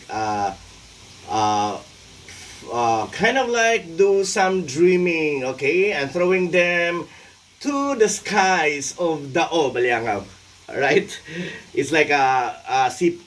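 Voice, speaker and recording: A man's voice: recorded from a distance, a little hiss or hum. Rambling Filipino man in his forties. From Philippines. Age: 40s. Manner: halting, full of fillers, playful, animated swings in pitch. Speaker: vlogger and tax consultant. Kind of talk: rambling solo vlog.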